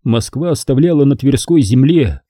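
Man narrating with a dark, dry voice. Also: mid-range voice, animated, moderate pace, dry recording. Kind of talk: scripted audiobook narration.

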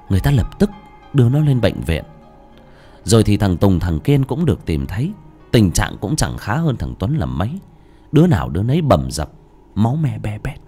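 A man narrating a horror audiobook in a dramatic, expressive storytelling manner. His voice sits low yet swings widely in pitch, with soft music faint behind him. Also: husky.

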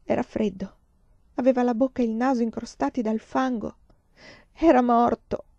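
A woman reading a novel aloud in a measured, sombre storytelling voice. Her tone is warm and mellow. The recording is dry and slightly muffled. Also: on the high side, fairly even intonation, dry recording. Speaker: reader.

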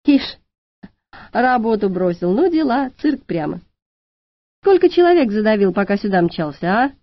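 A woman's voice: mid-range voice, very animated, normal speed, no echo. A woman voicing a rude, mocking young female thief who taunts with crude insults, in an audiobook. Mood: taunting. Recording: dry, slightly dull lo-fi audiobook.

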